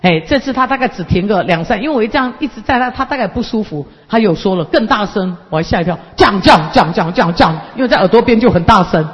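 Lady in her 50s, lecturing fast, acts out every bit of dialogue, dull lo-fi hall sound. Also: mid-range voice, husky. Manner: lively, acts out dialogue and mimics people. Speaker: counseling lecturer. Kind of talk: storytelling lecture to an audience. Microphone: handheld microphone.

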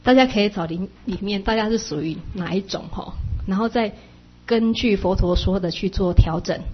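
A woman with a husky, breathy voice explains Buddhist teachings in a chatty sermon, softening her sentences with little particles. The recording sounds dull and lo-fi. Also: mid-range voice, normal speed. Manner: chatty, with frequent soft sentence-final particles.

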